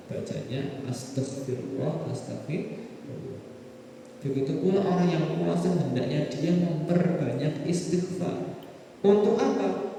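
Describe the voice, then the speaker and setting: A man's voice: mid-range voice, warm tone, slight background noise. A man with a Javanese accent preaching a mosque sermon in a conversational way, often asking the audience questions. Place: mosque hall. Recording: echoey hall from far off.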